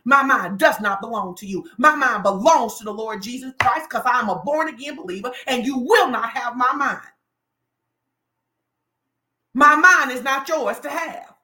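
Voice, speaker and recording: A woman's voice: a little high, normal speed, sharp tone. A woman preaching a fervent sermon, declaring and commanding her congregation in a call-and-response cadence. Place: church hall. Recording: echoey room.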